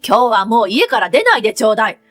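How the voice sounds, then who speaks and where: A woman voicing a shrill, indignant older mother-in-law in a read-aloud story. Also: very animated, a little slow, faint music behind, heavily acted.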